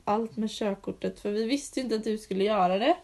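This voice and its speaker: A woman's voice: mid-range voice, a little mellow. A young woman in her late teens co-hosting a casual podcast chat, telling stories and acting out what people said. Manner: chatty storyteller, often acts out what people said. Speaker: podcast co-host.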